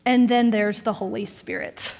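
A woman pastor preaching a sermon in a measured way, letting her phrases trail off softly. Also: on the high side, steady tone. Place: church sanctuary. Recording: long reverb of a church sanctuary.

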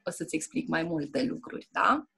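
Breathy-voiced woman teacher. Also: sits low, big pitch swings, fairly bright tone. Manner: explanatory, frequent "da?" check-ins and hesitations. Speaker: Romanian language and literature teacher. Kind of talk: one-on-one exam prep lesson. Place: indoor classroom or tutoring room.

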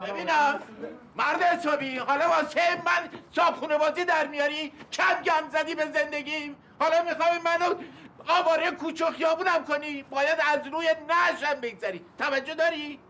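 A man's voice: extremely high pitch, bright, forceful tone, slight background noise. A middle-aged actor playing a stern, indignant tenant father in a TV drama. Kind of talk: TV drama acting.

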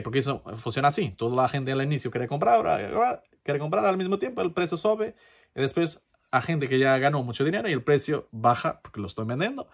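Man, Portuguese accent, hesitant casual talk, lots of fillers, mid pitch. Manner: hesitant, many fillers and restarts. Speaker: crypto channel host. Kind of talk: casual tutorial talk to camera.

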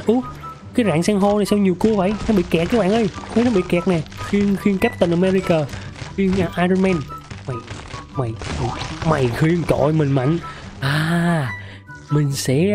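A hoarse young man with a sore throat, excitedly commenting on a mobile game he is playing, yelping and repeating words. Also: on the high side. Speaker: gaming streamer.

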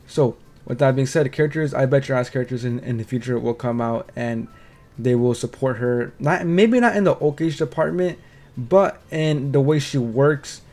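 A man at an ordinary middle pitch talks through a video game in a loose, off-the-cuff way. He stammers over words as he thinks, swears casually, and keeps checking in with his listeners. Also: a little mellow. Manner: rambling, stuttering restarts, casual swearing, frequent "right?". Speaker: game commentary creator. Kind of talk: casual gaming commentary.

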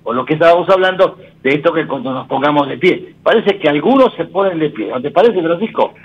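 A man's voice: on the high side, animated, brisk, husky, dull audio. A man who co-hosts a radio show, commenting on economic news hesitantly, with many fillers. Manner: hesitant, frequent fillers and restarts. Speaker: radio co-host.

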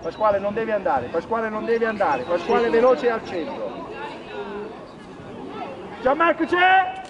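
Male football coach, very high voice, barking short repeated orders from the touchline; muffled outdoor recording with a crowd behind. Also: fairly quick. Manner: urgent, repetitive instructions. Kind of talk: shouted sideline coaching. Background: crowd noise.

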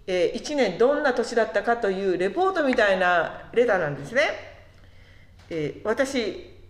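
A woman delivers a sermon in a conversational way and often turns to ask the congregation questions. Her voice sits fairly high and swings widely, and she draws out words for emphasis. The room is echoey. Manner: conversational, asks the listeners questions, slows down to stress words. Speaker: preacher.

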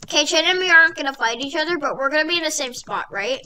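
A female gaming host giving excited, casual gameplay commentary and explaining things as she plays. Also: sits high, rapid-fire, a little hiss or hum.

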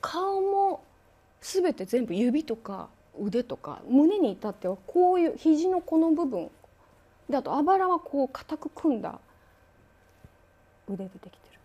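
A woman's voice: sits high, big pitch swings, a little slow. A woman who collects ghost stories, telling one as a guest with dramatic pacing and sound effects. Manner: dramatic storyteller, sound effects, drops to hushes. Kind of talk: spoken ghost story telling.

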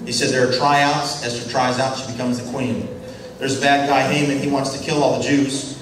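A man giving a lecture on church mission. He questions the class and takes their short answers, and he acts out characters in quick voices as he tells stories. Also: mid-range voice, little pitch movement, a bit bright. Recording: very echoey room, distant mic, faint noise.

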